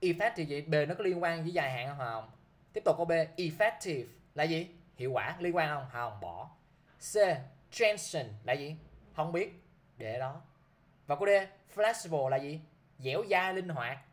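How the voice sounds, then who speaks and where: A man's voice: fairly high pitch, animated, normal speed. A man teaching English vocabulary to a class, who keeps checking with his students by repeating a short prompt.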